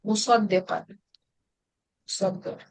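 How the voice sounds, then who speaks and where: A woman's voice: mid-range voice, unhurried, vocal fry, slight background noise. A woman teaching an Arabic grammar class in Bengali-accented speech, explaining patiently and asking her students questions. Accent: Bangladeshi Bengali.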